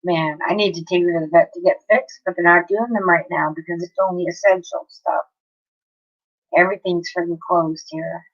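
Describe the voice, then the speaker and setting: A woman's voice: lowish voice, fairly bright tone, highs cut off. A woman, livestreaming from home and telling a long story in a casual, chatty way with frequent swearing. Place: home, near an open window.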